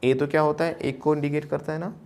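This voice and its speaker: A man's voice: on the high side, flat delivery, fast talker, darkish tone, a little hiss or hum. A man teaching an English class, keeps asking the class questions and mixes Hindi with English. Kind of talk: classroom lesson.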